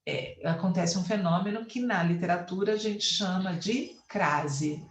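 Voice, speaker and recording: A Brazilian woman teacher with a Brazilian Portuguese accent and a lowish, unhurried voice patiently explains a lesson and counts syllables aloud. It's an online class lecture with a roomy sound.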